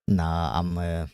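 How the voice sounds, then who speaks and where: A man's voice: low voice, darkish tone, clear, resonant tone, no room sound, clean studio sound. A man streaming while he animates, chatting casually and rambling with a self-deprecating tone and lots of fillers. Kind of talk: casual livestream chat.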